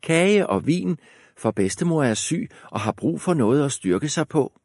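A trusting little girl from a fairy tale, as a male narrator puts her on, chirping high and eager. Beneath the raised pitch a gravelly edge remains, recorded dry and close. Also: sing-song, a little mellow, dry recording.

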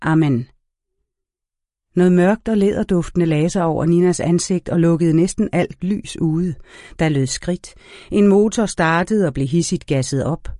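Mellow, dry-voiced male narrator. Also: high voice, no room sound. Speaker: audiobook narrator. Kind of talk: scripted narration.

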